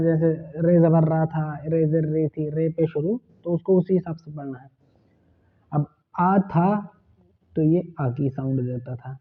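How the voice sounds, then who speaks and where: A man teaching an online language lesson, patiently spelling out letters and their sounds. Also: a little high. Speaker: Urdu teacher. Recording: tinny phone-like sound.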